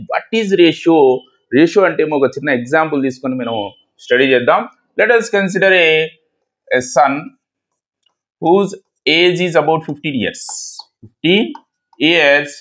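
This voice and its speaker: A man's voice: fairly high pitch, fairly bright tone. A man with a Telugu accent, a native Telugu speaker, teaching a math lesson in English and Telugu. He repeats key words and asks questions that he answers himself.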